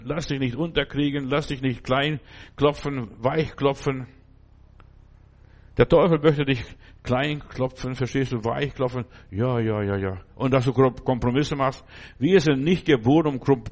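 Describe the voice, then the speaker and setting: A man's voice: mid-range voice, a little mellow. A man preaching a fervent sermon, exhorting his listeners with repeated phrases and frequent "you understand?" asides.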